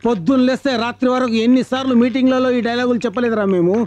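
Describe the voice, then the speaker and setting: A swaggering, menacing thug. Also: male voice, very high-pitched, rapid-fire, darkish tone. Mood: mocking. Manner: mocking, threatening, rough. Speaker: politician's henchman.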